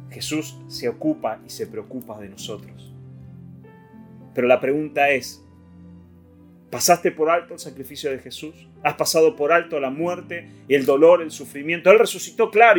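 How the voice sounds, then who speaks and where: Impassioned rioplatense preacher over guitar. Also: male voice, mid-range voice. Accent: Rioplatense Spanish. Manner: impassioned, swings from loud to hushed. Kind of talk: Easter sermon. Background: soft guitar music.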